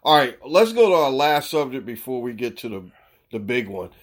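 Lively laughing man hosting a sports podcast. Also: medium pitch, moderate pace. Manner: laughs often, animated and teasing. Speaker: podcast co-host. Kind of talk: casual sports chat.

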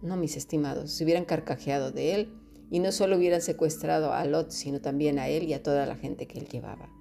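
A woman's voice: sits low, fairly quick, vocal fry, mellow, faint music behind. A woman preaching a sermon who speaks straight to her listeners and mocks fearful, whining voices.

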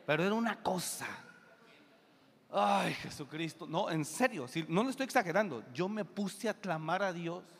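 Emphatic male pastor, high-pitched, booming one moment and murmuring the next, echoing hall. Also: moderate pace. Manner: emphatic, shifts between loud bursts and low asides. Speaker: preacher. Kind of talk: sermon. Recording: long reverb of a church hall.

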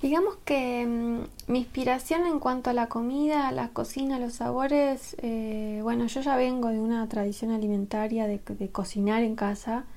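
A woman's voice: on the high side, steady tone, normal speed, hardly any pauses, a little mellow. A woman, answering as a nutrition expert guest, conversational and enthusiastic, repeating phrases as she thinks.

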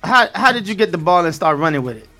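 A man's voice: sits high, lively intonation, fast, bright, forceful tone, soft background music. Brooklyn-accented man hosting a talk show. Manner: colloquial, repeats phrases for emphasis. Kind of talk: lively community talk show interview.

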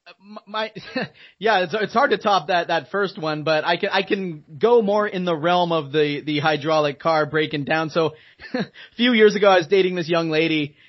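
Man, high voice, rambling storyteller, muffled lo-fi audio. Casual podcast co-host. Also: normal speed. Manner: rambling, many restarts and laughs.

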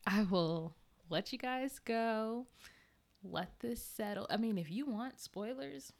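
A woman's voice: fairly high pitch, expressive, takes it slowly, creaky. A woman hosting a podcast in a casual, chatty way, laughing often and tripping over her words. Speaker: podcast host reviewing a movie. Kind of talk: casual chat.

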